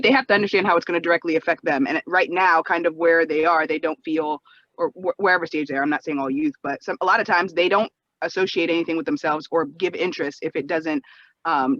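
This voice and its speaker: Measured female panelist, muffled lo-fi remote audio. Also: deep voice, no echo. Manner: thoughtful, measured. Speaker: panel guest. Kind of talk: online panel discussion. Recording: dull lo-fi call audio.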